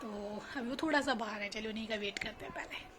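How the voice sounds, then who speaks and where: A woman's voice: medium pitch, fast talker, background noise. A young woman vlogging casually at home, chatting and venting about her frustrations. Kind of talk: casual vlog chat. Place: home kitchen.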